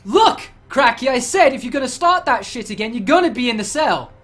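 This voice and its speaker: A man's voice: high voice, very animated, fast, soft background music. Lazy blustering desk cop, raised voice, tone; a man does him. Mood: dismissive. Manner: brash, dismissive, shouting.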